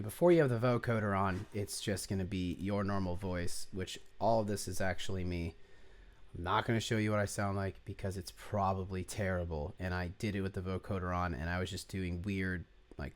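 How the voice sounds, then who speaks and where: A man giving a casual, unscripted music production tutorial, rambling, correcting himself and muttering as he clicks around. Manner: low-key, offhand, unpolished. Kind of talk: casual screen-share tutorial.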